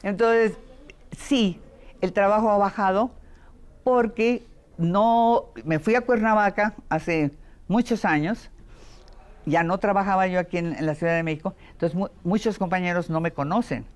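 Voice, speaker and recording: An older woman with a Mexican Spanish accent, a veteran voice actress chatting in an interview, telling lively stories and mimicking voices. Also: mid-range voice, a little slow. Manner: lively storytelling with playful voice imitations. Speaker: voice actress and dubbing director. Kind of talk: casual interview chat.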